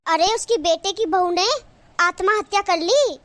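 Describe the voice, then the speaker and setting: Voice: extremely high pitch, measured pace, a bit bright, slight background noise. A voice actor playing a meddlesome, dramatic neighbor woman who gossips breathlessly in a cartoon. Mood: gossiping. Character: gossiping busybody neighbor woman, middle-aged. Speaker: cartoon character. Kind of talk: cartoon voice acting.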